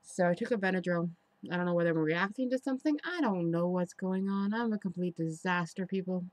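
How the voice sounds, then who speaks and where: A woman's voice: lowish voice, no room sound, low-quality recording. Candid, rambling woman vlogger, dry close sound. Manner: frustrated, candid, halting rambling. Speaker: personal vlogger. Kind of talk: rambling confessional vlog chat. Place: indoors in an apartment.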